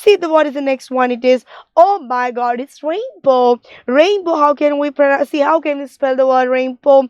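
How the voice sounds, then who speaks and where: Young lady teacher, high voice, sing-songy, spells stuff out slow for little kids. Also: a little mellow, no echo, lo-fi sound. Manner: sing-song, coaxing, spells letters out slowly. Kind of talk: children's spelling lesson.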